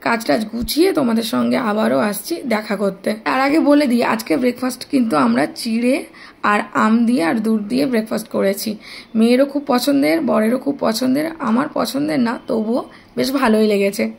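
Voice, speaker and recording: A woman's voice: on the high side, brisk, creaky, husky. A young woman with a Bengali accent, a mother of two, chatting casually to her viewers in a home vlog. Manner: chatty, speaks softly at times so the baby stays asleep.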